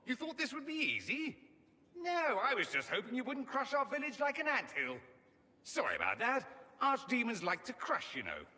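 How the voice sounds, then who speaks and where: A man's voice: extremely high pitch, huge pitch swings, moderate pace, pushed and bright, big-room sound, heavily acted. An actor playing a witty, self-assured male mage from a foreign empire, theatrical in manner, in video game dialogue.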